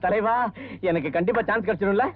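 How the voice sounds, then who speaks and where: An eager young man in love, worried and rushing his words. His voice is high and lively, and his speech moves fast. The sound is dry and tinny, like an old film soundtrack. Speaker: young man posing as a minister's son. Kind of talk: 1990s film comedy dialogue.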